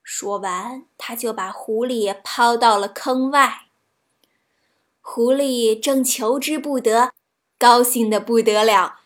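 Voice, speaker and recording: A woman reading children's stories aloud, in a gentle storybook narration with a soft delivery. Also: on the high side.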